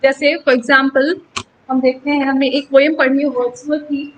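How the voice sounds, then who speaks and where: A woman teacher giving a lesson on English pronunciation, slowly spelling out syllables and stressing words. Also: sits high, little pitch movement, poor audio.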